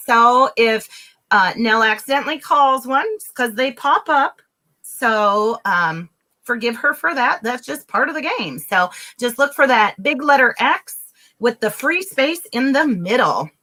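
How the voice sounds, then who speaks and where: A woman's voice: fairly high pitch, expressive, measured pace, bright, forceful tone. A woman hosting a casual live event with an upbeat, encouraging manner. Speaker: event host.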